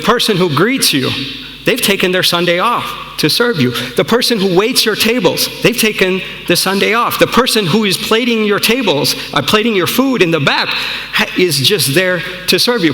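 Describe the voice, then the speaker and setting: A man's voice: on the high side, sharp tone. Earnest man speaking in an echoey hall. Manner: earnest, conversational, with frequent "right?" asides. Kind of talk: storytelling talk. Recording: echoey hall, long reverb.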